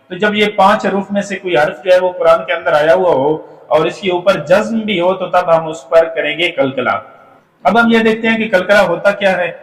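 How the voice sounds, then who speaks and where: A man teaching a tajweed lesson from slides, explaining patiently with filler pauses and sounding out demonstration syllables. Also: on the high side, reverberant, distant mic, rough recording. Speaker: Quran recitation teacher.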